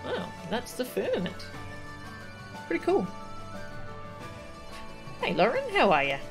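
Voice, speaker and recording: A woman streams a video game, giving casual, chatty live commentary and getting delighted easily. Her voice is a little high, with wildly swooping pitch and an unhurried pace. Loud video game music plays behind her.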